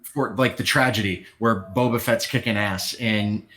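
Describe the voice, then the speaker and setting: A man with a bright, forceful voice chatting casually on a live stream. He gushes and rambles like an excited fan, circling back to his points. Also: lowish voice, moderate pace. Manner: enthusiastic, rambling fan talk. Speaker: podcast co-host. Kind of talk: casual chat.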